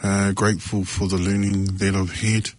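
A man, sharing personally and reflectively at a meeting, with halting, unscripted phrasing. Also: low-pitched, level tone, a little mellow. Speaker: speaker sharing at a recovery meeting.

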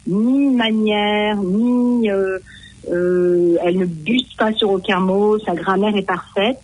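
Chatty middle-aged Frenchwoman, husky voice. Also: mid-range voice, fairly even intonation, takes it slowly, a little mellow, no echo, low-quality recording. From France. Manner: chatty, hesitant, frequent fillers and restarts. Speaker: French woman living in New Zealand. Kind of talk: casual conversation.

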